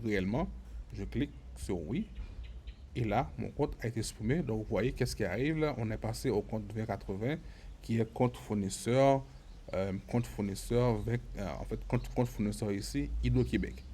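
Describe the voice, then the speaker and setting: A man giving a screen-recorded software lesson, often repeating words and filling pauses as he explains. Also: lowish voice, a little hiss or hum. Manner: stammering repetitions, many fillers. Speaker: software tutorial instructor.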